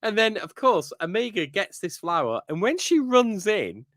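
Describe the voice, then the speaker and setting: This man's voice is high-pitched with big swings in pitch, delivered at a normal speed and a fairly bright tone. He's co-hosting a podcast, chatting loosely through an episode review with plenty of fillers and "you know what I mean" tags. There's no echo, and it's studio quality.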